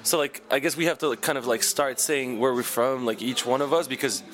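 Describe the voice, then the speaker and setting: A man's voice: medium pitch, a little fast, fairly bright tone, soft background music. A man from France, a keyboardist and singer, rambling with lots of filler words. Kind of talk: casual interview chat.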